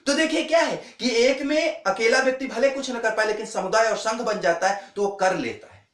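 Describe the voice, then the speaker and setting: A man's voice: very high-pitched, a little fast, a bit bright, roomy sound. A man teaching an exam-prep lecture, earnest and repetitive, calling his viewers friends as he drills key points.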